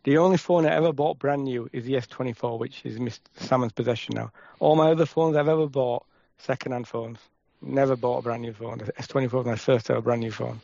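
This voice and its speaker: A man with a Yorkshire accent chatting casually as a podcast co-host, with quick, halting restarts. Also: mid-range voice, steady tone, gravelly, warm tone, no echo. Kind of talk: casual chat. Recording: dry, slightly muffled.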